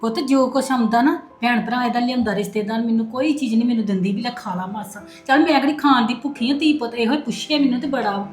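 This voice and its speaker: A woman's voice: on the high side, fast, few pauses, darkish tone, reverberant, soft background music, lightly acted. A woman playing a complaining middle-aged mother who grumbles to her son about her daughter-in-law. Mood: grumbling. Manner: grumbling and self-pitying.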